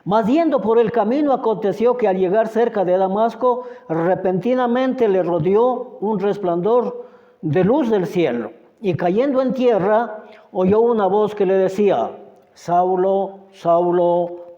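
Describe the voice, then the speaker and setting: A man's voice: sits high, warm tone. A man preaching a Bible study sermon, reading verses and reflecting on them, often asking "¿no?". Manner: slow, reflective, asks "¿no?" often. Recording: muffled sound with long reverb.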